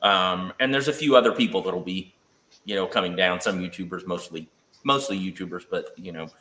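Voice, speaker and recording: A man's voice: deep voice, a little fast, pushed and bright, reverberant. A man in casual chat about a car build, rambling and hedging with fillers. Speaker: guest on automotive chat.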